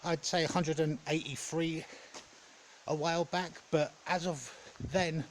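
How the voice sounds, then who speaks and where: A man giving a casual, rambling vlog update in a hesitant, halting way, often correcting himself. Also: fairly high pitch, fairly even intonation, slight background noise. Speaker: gaming content creator.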